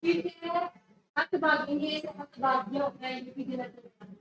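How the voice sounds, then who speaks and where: High-pitched woman teacher reviewing a test, corrects firmly and repeats words, echoey room with faint hiss. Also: moderate pace. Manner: correcting students firmly, repeating the word under discussion. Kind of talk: exam prep lesson going over a test.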